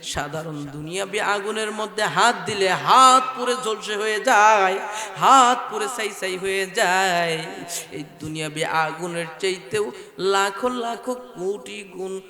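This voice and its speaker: A man's voice: high voice, a little slow, sharp tone. A man preaching a sermon to a gathering, pleading in a half-sung style and calling out to the crowd. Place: outdoor religious gathering at a school ground. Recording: echoey long reverb, faint music.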